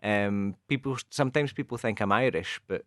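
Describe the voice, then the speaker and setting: Co-hosting a bilingual radio chat, a Glasgow-accented man from the west of Scotland patiently walks through English football expressions, dropping into Spanish from time to time. He has a lowish voice and a moderate pace, in a dry, studio-quality recording.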